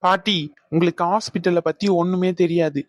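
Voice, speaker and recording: A man's voice: high-pitched, steady tone, brisk, no echo, clean studio sound, natural voice. A man voicing a harsh young man in a cartoon who scolds and dismisses his sister. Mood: scornful. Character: harsh young man, brother, scornful and controlling. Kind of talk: cartoon voice acting.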